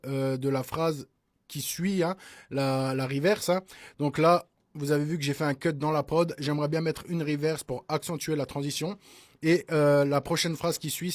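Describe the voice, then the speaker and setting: A man walks his viewers through a music production technique in a relaxed, chatty way, constantly checking they follow along. His voice sits a little high for a man. The sound is dry, with no room around it. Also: dry recording. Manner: chatty, peppers speech with "hein" and "d'accord?"; addresses viewers as "les gars". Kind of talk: casual screen-recorded tutorial.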